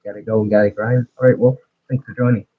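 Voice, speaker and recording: A man's voice: fairly low pitch, fairly even intonation, fast, husky, dry recording. A man chatting casually on a livestream, his voice muffled as if heard through a wall, trailing off with fillers. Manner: laid-back, trailing off with fillers. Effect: muffled voice, as if through a wall or underwater. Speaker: streamer co-host. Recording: muffled lo-fi earbud mic.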